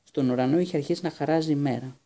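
A man narrating an audiobook in a steady reading manner, with occasional small restarts. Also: a little high. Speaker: audiobook reader.

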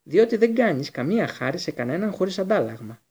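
A fierce, bitter escaped prisoner from a storybook, voiced by a male audiobook reader. He speaks with intense, accusing weight. The voice is mellow and husky, pitched a little high. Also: sing-song, exaggerated voice. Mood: contemptuous. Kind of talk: audiobook character reading.

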